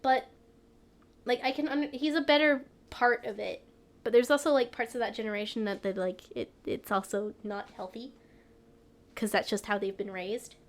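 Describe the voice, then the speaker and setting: Streaming live from home, a young woman with a stuffy nose rambles casually, trails off and laughs a lot. Her voice is a little high, and she talks at normal speed with fairly even intonation.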